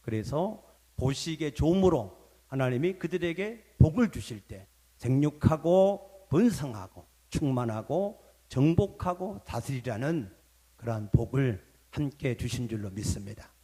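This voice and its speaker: A man, a pastor, preaching a sermon, asking his congregation questions and calling for amens, with sudden drops to a low murmur at phrase ends. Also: lively intonation, a little slow, breathy edge. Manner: dramatic swings in loudness, dropping low at phrase ends.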